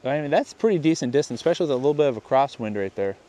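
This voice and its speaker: Talking very fast in a warm, animated, medium-pitched voice, a young man hosts a fishing video on a lakeshore. He rambles through a casual gear test on his chest-mounted camera, repeatedly breaking off and restarting sentences.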